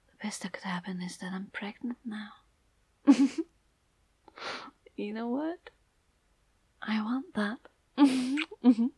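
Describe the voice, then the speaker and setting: A young woman speaking in an intimate audio roleplay, breathy and soft, often sinking to a whisper close to the mic. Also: on the high side, slow, long pauses.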